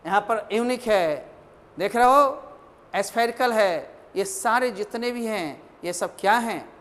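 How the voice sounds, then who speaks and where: A man teaching English grammar, explaining step by step and teasing his students as he repeats examples. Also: high-pitched. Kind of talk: Hindi-language grammar lecture. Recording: long reverb, echoey room.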